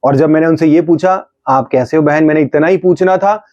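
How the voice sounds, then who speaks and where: A man's voice: a little high, a little fast, a little mellow, dry recording. A middle-aged man, a pastor, telling his testimony in a fervent sermon, acting out his own rebukes as he goes. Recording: slightly dull, dry recording.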